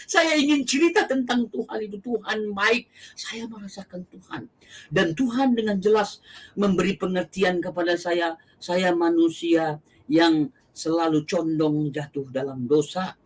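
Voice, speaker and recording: A middle-aged man from Aceh with an Acehnese accent tinged by Medan and eastern Indonesian speech, giving an emotional personal testimony that swings from low murmurs to high cries. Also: pushed and bright. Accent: Acehnese with Medan and eastern Indonesian traces. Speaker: testimony guest.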